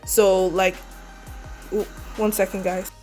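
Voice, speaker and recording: A woman's voice: mid-range voice, level tone, slow pace, warm tone, soft background music. A young woman, a beauty vlogger, telling a story in a casual, rambling way, filling it with "like" and restarts. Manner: rambling, heavy use of 'like', many restarts. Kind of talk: casual storytime while doing makeup.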